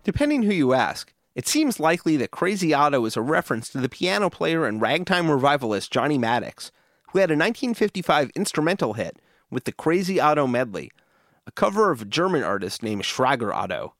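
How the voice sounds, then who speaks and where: A man's voice: a little high, big pitch swings, brisk, no echo, studio quality. A man reading scripted documentary narration as a podcast host.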